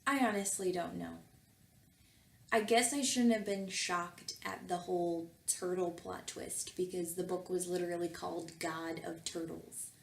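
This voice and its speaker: A woman reads fan fiction aloud and tosses in casual comments, playing it tongue-in-cheek and mock-earnest. Her lowish, gravelly voice keeps a steady tone at a measured pace. There's slight background noise, a roomy echo and music underneath.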